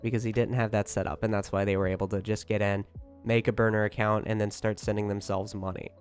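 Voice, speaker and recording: A man's voice: lowish voice, little pitch movement, fast talker, smooth. A man hosting a casual livestream, rambling on chattily and informally to his chat. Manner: rambling, chatty, keeps talking; informal, with swearing. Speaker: livestream host talking to chat. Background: music.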